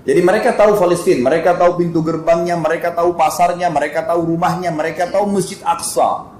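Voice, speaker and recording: A man's voice: on the high side, steady tone, quick pace, darkish tone. A male preacher giving a sermon in a mosque, telling a story vividly and acting out the quotes. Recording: echoey mosque hall with faint ambience.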